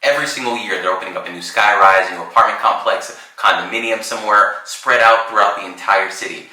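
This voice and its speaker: A man in his thirties co-hosting a podcast, telling a story in a casual, animated, slangy way with frequent laughs. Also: fairly low pitch, quick pace, very echoey, rough recording. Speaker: podcast co-host.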